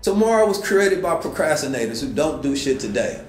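A man giving a motivational talk in a somewhat high voice, preaching to his listeners and throwing out rhetorical questions. His voice rings in a roomy, echoey space, with faint music underneath. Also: sing-song, brisk. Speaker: host.

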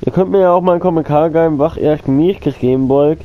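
Through phone-quality sound, a fast-talking man with a voice on the high side gives rambling, casual commentary on his gameplay. This gaming channel host has a cold and coughs now and then, repeats himself, and speaks straight to his viewers as friends.

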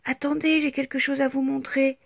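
A woman's voice: sits high, little pitch movement, normal speed, creaky, voice pushed up. A woman doing a shy little girl ink blot. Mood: coaxing. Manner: timid, hopeful.

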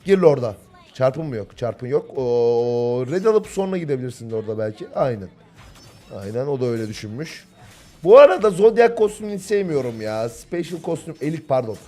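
A young man from Turkey giving live, excitable commentary on a mobile game match and calling out moves to the players. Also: a little high. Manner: excitable, yells at players when the fight heats up.

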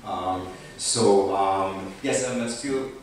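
A young Hungarian-accented activist speaks on a panel, seated on a sofa in a large indoor conference room, his voice sitting low. He is slow and deliberate, hesitating and restarting often. Recorded via handheld mic from a far camera, the hall sounds echoey and distant, with background noise.

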